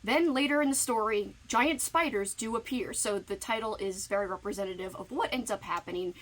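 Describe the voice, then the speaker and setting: A woman's voice: mid-range voice, a little fast, low-quality recording. A woman booktuber giving playful, giggly book recommendations in a casual recorded message.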